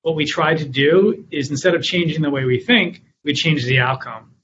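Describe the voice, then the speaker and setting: A man talks through business lessons in an interview, and his voice sits a little high for a man. The sound is muffled and lo-fi, with a faint hiss underneath. He tells stories from his work and acts out his own past lines. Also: moderate pace. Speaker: guest, company founder and author. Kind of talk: interview answers.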